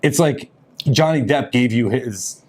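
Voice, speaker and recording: A man hosting a casual podcast, upbeat and chatty, with plenty of fillers. His voice sits at an ordinary middle pitch. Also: unhurried, a little hiss or hum. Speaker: podcast host.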